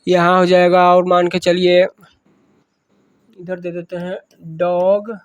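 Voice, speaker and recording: A woman's voice: on the low side, monotone, slow pace, no room sound, dull audio. A woman with a Bihari accent teaching a grammar lesson, asking questions and answering them herself, repeating each point.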